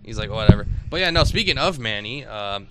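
A man's voice: medium pitch, expressive, a little fast, noisy background. A man hosting a casual live-stream chat, joking and swearing freely as he goes. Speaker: host.

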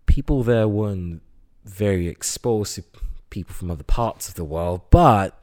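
Low, mellow-voiced young man. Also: animated, normal speed. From Singapore. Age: 20s. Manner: hesitant, many fillers and restarts. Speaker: interviewee, chemistry student. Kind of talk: casual interview chat.

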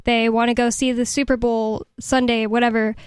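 A woman's voice: fairly high pitch, level tone, normal speed, clear, resonant tone, no room sound, clean studio sound. Sarcastic chatty woman co-host. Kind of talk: casual talk radio chat. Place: radio studio. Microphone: studio microphone.

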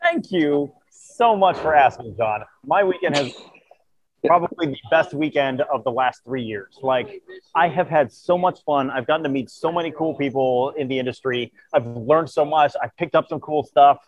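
A man's voice: fairly high pitch, moderate pace, lo-fi sound. A man hosting a podcast from a convention, in a casual chat, tired and losing his voice, earnest and grateful. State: tired, voice wearing out. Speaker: podcast host.

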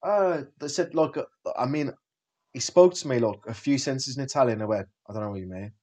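A man co-hosts a casual podcast. He tells anecdotes with energy and acts out other people's lines. His voice sits at a middling pitch for a man. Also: fairly quick. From England. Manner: animated storyteller, acts out quotes. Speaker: podcast co-host. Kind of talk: casual banter.

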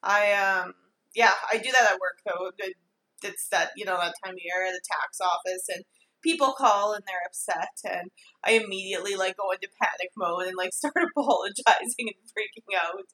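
A woman co-hosting a podcast in casual chat, excitable and rambling, often saying "like". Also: mid-range voice, moderate pace. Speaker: podcast co-host. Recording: roomy echo.

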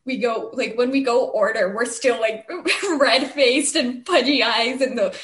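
A young woman from Arizona, co-hosting a casual podcast, tells stories in a lively way with plenty of "like" fillers and acted-out quotes. Her voice sits a little high, and the room around her rings with echo. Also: measured pace. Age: young adult. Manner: animated, frequent "like" fillers, acts out quoted voices. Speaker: podcast co-host. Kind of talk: casual storytelling chat.

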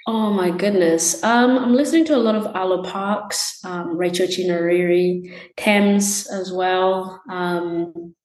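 A young woman musician talks through her answers softly, stopping often to think. Her voice sits a little low. The room gives it a roomy echo. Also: slow, few pauses. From Tanzania. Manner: soft-spoken, many ums and restarts. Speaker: musician guest. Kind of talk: casual interview answers. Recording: echoey room.

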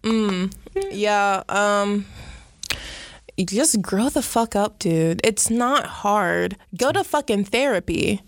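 A woman's voice: mid-range voice, takes it slowly, no echo. Blunt, swearing woman podcast co-host. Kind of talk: casual chat.

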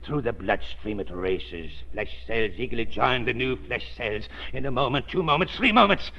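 An actor playing a crazed, bitter mad scientist in an old-time radio thriller, ranting and gloating with theatrical menace. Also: male voice, medium pitch, lively intonation, normal speed, pushed and bright. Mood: manic, gloating. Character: crazed, embittered limping male mad scientist, villain. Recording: muffled, dull old radio recording.

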